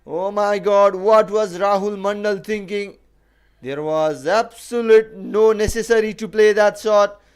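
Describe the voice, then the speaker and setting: A man's voice: high voice, steady tone, a little slow, clear, resonant tone. A man giving live cricket commentary as the match commentator, repeating phrases for emphasis.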